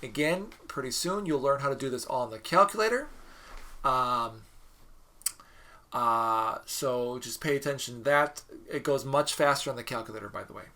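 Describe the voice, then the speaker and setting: A man's voice: mid-range voice, moderate pace, pushed and bright. A man teaching a recorded math mini lecture, working problems aloud in a chatty, joking way. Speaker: math instructor.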